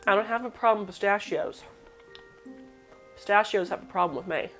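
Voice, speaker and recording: A woman's voice: medium pitch, fairly quick, fairly bright tone, faint music behind. A woman hosting a casual live cooking demo, rambling and self-deprecating while snacking between steps. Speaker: cooking show host.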